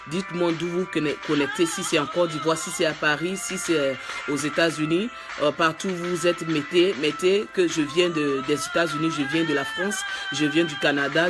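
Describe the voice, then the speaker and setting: A woman preaching a live-streamed sermon, fervent and repetitive, with bursts of speaking in tongues. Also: deep voice. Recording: loud music underneath.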